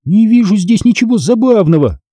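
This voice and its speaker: A man's voice: sits high, big pitch swings, moderate pace, mellow, dry recording, voice pushed up. A man reading an audiobook, voicing a stubborn young girl who scolds and snaps at the boys around her. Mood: indignant. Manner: firm and scolding.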